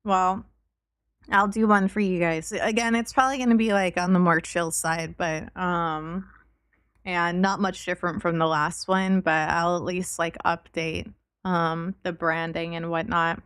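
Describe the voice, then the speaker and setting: A woman streamer in casual chat, speaking at an unhurried pace in a mid-range voice. She sounds relaxed and informal, and the recording is close and dry, with very little room sound. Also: on the low side, smooth, dry recording. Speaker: livestreamer and VTuber.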